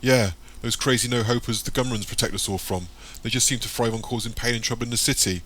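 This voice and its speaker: A man's voice: mid-range voice, steady tone, fast talker, a bit bright, natural voice. A man voicing an anxious, hot-tempered young man in an audiobook, firing off urgent, demanding questions. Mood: agitated.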